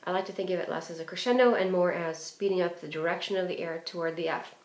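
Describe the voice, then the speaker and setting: A clarinet teacher with a lowish, steady voice speaks fast during an instructional lesson, with roomy echo in the recording. She explains phrasing and fingerings practically, using frequent fillers.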